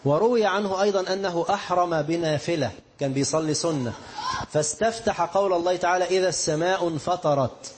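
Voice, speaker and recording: A man's voice: high-pitched, fast talker, slight background noise. A male preacher with an Egyptian accent delivering a sermon, telling stories that mix classical quotations with colloquial asides to his listeners. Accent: Egyptian Arabic. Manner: storytelling, mixing classical quotes with colloquial asides to the audience.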